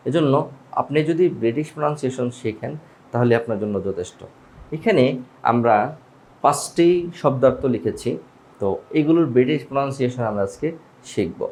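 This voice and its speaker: A man's voice: medium pitch, dark tone. A man teaching English pronunciation, repeating each word and quizzing the listener. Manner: repeats each word slowly, asking the viewer back. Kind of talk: spoken language lesson.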